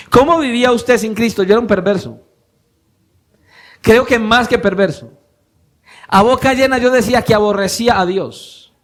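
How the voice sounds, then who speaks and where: A male pastor preaching a sermon, asking his congregation pointed questions and moving between soft, low lines and louder emphatic ones. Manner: questions the congregation directly, swinging from soft to loud.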